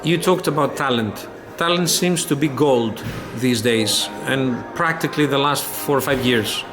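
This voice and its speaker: A man from Greece interviewing a guest, framing long, deliberate questions. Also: mid-range voice, music in the background.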